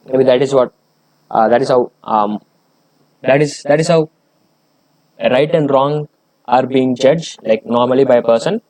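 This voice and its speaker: A man's voice: mid-range voice, unhurried, long pauses, a little mellow, no room sound, low-quality recording. A man reading a research paper aloud and explaining it, hesitant, with many fillers and restarts.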